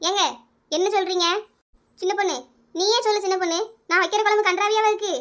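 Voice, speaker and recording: A woman's voice: very high voice, fairly even intonation, fast, fairly bright tone. A woman voicing an indignant village housewife who argues back in a cartoon comedy, with a Kanyakumari Tamil accent. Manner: arguing, defensive.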